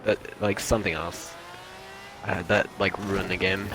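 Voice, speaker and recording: A man's voice: sits low, flat delivery, measured pace, noisy background. A man chatting on a friend's game stream, complaining with lots of fillers and the odd swear word. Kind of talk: casual gaming chat. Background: game music.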